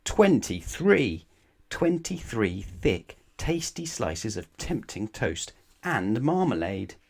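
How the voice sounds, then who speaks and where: A man reads a children's bedtime story aloud, playful and emphatic, drawing out key words and asking the young listener rhetorical questions. His medium-pitched voice is very animated, with vocal fry and a breathy edge.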